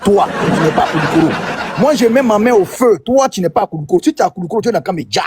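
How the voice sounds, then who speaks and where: A man's voice: sits high, lively intonation, quick pace, a little mellow, breathy edge, dry recording. A man on a debate panel who accuses and mocks another caller, repeating his demands again and again. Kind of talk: heated debate.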